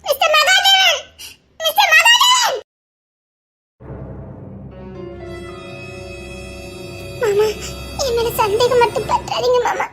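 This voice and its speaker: A woman's voice: very high voice, moderate pace, sharp tone, faint music behind. Woman voicing a tearful, frightened young woman. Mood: panicked. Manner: tearful, shaky, laughing through sobs. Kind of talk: Tamil serial-style audio drama.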